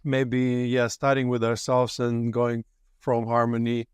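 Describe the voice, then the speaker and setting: A man from Latvia hosting a podcast interview, chatting in a relaxed way with frequent fillers. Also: medium pitch, unhurried, clear, resonant tone, no room sound, studio quality. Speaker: podcast host. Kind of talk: casual interview chat.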